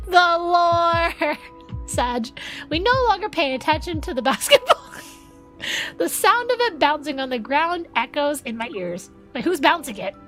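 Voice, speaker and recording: A woman streaming a game, reading the story aloud and breaking off into excitable reactions. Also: sits high.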